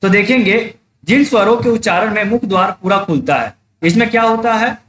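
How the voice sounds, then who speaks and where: A man with a fairly high voice teaches a live online exam-prep class. He explains each point step by step, repeats it, and checks that his students are following. A faint background hiss runs under his voice. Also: fairly quick, a bit bright.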